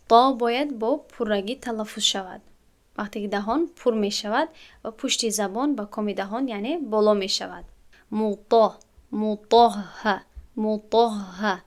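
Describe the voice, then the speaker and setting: A woman teaching a recitation lesson, explaining patiently and drawing out syllables to demonstrate how they sound. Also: medium pitch. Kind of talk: tajweed lesson to students.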